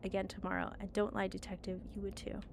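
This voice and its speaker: A woman's voice: medium pitch, level tone, fast talker, creaky, background noise, lightly acted. A woman playing an earnest, self-justifying talent manager in a mystery game. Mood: unrepentant. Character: unrepentant talent manager keen on innovative wheels.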